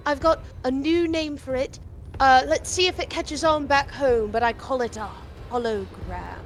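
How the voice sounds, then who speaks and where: A woman playing a tabletop game, speaking in character with bubbly, excited exclamations. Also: high voice, normal speed, a little hiss or hum. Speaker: player.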